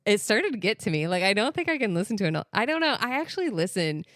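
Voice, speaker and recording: An American woman co-hosting a podcast, talking in a chatty, animated way full of "like" and "literally". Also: medium pitch, fast talker, dry recording, clean studio sound. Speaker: podcast co-host. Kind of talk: casual chat.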